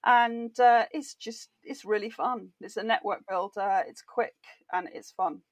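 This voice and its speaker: Speaking at a medium pitch and a little slowly, this board game author from Britain is a chatty, enthusiastic podcast guest who laughs readily. It's casual interview talk in British English, captured in a dry recording.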